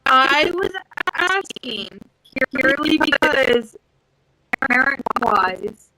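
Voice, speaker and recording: High, bright-voiced woman player. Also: animated, extremely slow, slight background noise, poor audio. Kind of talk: casual game chat.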